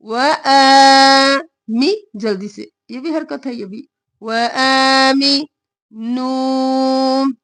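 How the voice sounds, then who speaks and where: A woman teaching Quran recitation, drawing out verses slowly and then explaining pronunciation rules in quick asides. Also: a little high, fairly bright tone, no echo. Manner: slow drawn-out recitation alternating with quick explanations. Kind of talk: tajweed recitation lesson.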